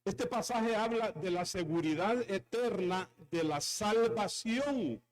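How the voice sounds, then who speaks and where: High-pitched, slow-preaching pastor. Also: male voice, lively intonation. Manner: emphatic preaching with repetition and calls to the congregation. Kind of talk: sermon.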